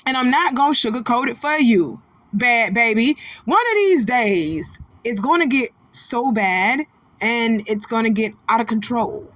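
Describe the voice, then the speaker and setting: An American woman with a fairly high-pitched voice hosts a gossip channel. She speaks casually and bluntly to her followers, full of slang and sass. She often repeats a phrase or draws it out to drive it home. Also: lively intonation, unhurried, fairly bright tone, no room sound. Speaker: host of a gossip video channel.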